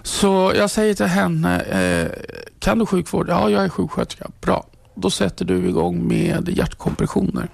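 A middle-aged man from Sweden giving personal testimony in an interview, halting with restarts and sinking to a whisper at grave moments. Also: high voice, expressive, no echo. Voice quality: gravelly and husky. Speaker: interviewee, trained ambulance driver.

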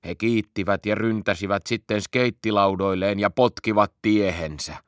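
A man calmly reading a children's story aloud as audiobook narration. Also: on the low side, no room sound, clean studio sound. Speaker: audiobook reader.

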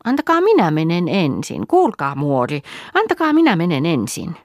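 A woman's voice: fairly low pitch, wildly swooping pitch, dry recording, clean studio sound, pitched above the performer's own voice. A woman voicing an eager little peasant girl who pleads to go first.

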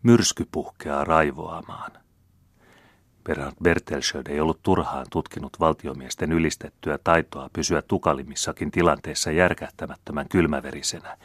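A man reading a classic novel aloud as an audiobook narrator, in a measured storytelling manner. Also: a bass voice, fairly bright tone, no room sound, clean studio sound. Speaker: audiobook reader.

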